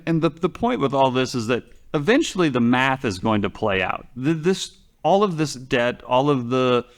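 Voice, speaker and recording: A man with a medium-pitched voice speaks as a podcast commentator, explaining things conversationally but in a rambling way. He often restarts and repeats phrases for emphasis.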